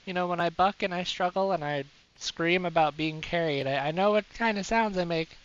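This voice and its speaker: A man's voice: high-pitched, normal speed, a bit bright, clear, resonant tone, poor audio. A young man giving casual, rambling commentary while he plays a game live, joking at his own expense as he goes. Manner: playful, rambling, self-mocking jokes. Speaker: streamer.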